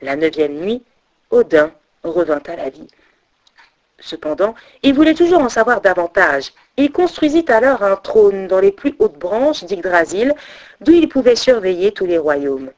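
A woman storyteller narrating a myth in an expressive, dramatic reading. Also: mid-range voice, measured pace.

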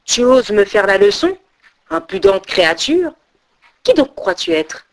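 A woman's voice: high-pitched, sing-song, measured pace, gravelly, exaggerated voice. A woman voicing a stubborn, imperious father god in a storybook myth. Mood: angry. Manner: commanding, imperious. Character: proud one-eyed father god, stubborn and demanding.

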